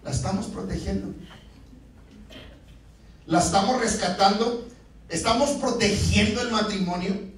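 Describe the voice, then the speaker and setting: A man's voice: high-pitched, unhurried, long pauses, recorded from a distance, slight background noise. A middle-aged man, a guest speaker at a church couples dinner, preaching with humor and chuckling through his own stories. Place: large church hall with a live audience. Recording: very echoey hall, heard from afar, audience.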